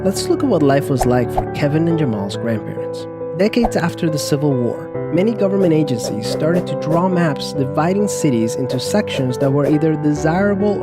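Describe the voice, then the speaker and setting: Man, slightly raised pitch, scripted explainer narration, calm and measured, music underneath. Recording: narration over music bed.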